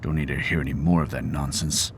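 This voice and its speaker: In a scripted audio drama, an actor plays a stern, embittered middle-aged father and political activist, domineering, brooding, clipped and authoritarian. His rumbling low voice is steady and fairly quick, with a little hiss or hum.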